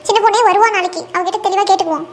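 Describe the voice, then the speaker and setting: A woman voicing a calm older village neighbor in a cartoon, reassuring the others. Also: very high voice, racing, slight background noise.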